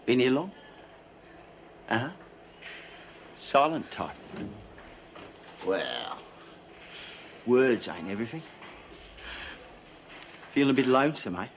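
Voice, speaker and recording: A man's voice: mid-range voice, very animated, slow pace, pauses often, a little hiss or hum. An actor playing a leering, menacing male prisoner with a taunting manner. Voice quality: sleazy, taunting. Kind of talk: TV drama acting. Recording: music under the dialogue.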